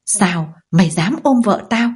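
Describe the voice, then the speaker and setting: A man's voice: high-pitched, animated, unhurried, exaggerated voice. A woman doing a furious jealous husband. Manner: shouting, rough and insulting. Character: hot-tempered, jealous young husband, domineering.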